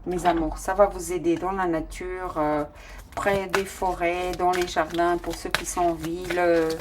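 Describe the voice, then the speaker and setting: Woman tarot reader with a slightly low voice, chatty and fond, often pausing on fillers. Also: level tone, background noise. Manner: affectionate, calls listeners "my loves", many fillers. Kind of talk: casual tarot reading.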